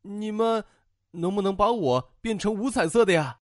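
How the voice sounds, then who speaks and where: A man voicing a gentle, shy male flour character in a children's audio story, talking softly with sighs. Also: high-pitched, lively intonation, moderate pace, no room sound, studio quality. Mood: shy hopeful. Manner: soft, wistful, sighing.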